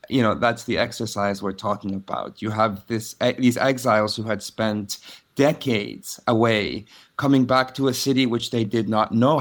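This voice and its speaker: A man speaking as a researcher in a panel discussion. His voice sits in an everyday middle range, and he talks in a measured way that often circles back to restart a phrase. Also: medium pitch. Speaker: think-tank researcher.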